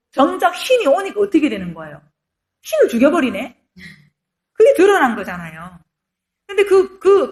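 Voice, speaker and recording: A middle-aged woman giving a Bible lecture, conversational, asking rhetorical questions and acting out quoted inner voices. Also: a little high.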